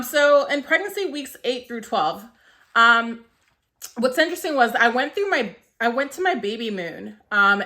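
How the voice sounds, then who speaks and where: A woman's voice: on the high side, pushed and bright. A woman in her thirties chatting casually to camera as a vlogger, a little short of breath, with frequent "um" and "like" fillers. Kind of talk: casual vlog talk to camera.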